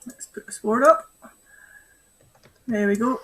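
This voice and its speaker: A woman's voice: a little high, takes it slowly, fairly bright tone, slightly rough, low-quality recording. A woman narrating as game master of a tabletop game, chatty and thinking aloud as she goes.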